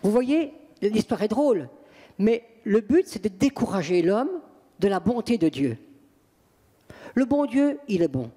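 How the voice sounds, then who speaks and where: A man, an exorcist priest, telling lively and emphatic anecdotes in an interview. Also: sits high, measured pace, big-room sound. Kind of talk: interview storytelling.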